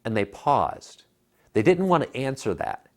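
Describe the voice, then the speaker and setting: Very animated yet measured in pace, this mid-range male voice belongs to an American in his thirties co-hosting a tech show. He explains home theater gear casually from his living room, recorded through a lapel mic.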